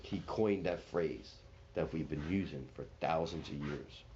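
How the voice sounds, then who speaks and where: A man's voice: very deep voice, measured pace, dark tone. A man retelling a story casually in loose, slangy speech full of fillers. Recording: slightly dull with faint noise.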